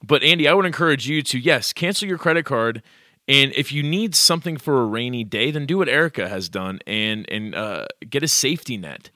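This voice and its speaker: Sex: man. Role: podcast co-host. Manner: blunt, direct, casual. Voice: bright, sharp. Sound: dry, close mic. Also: medium pitch, animated, a little fast, no echo.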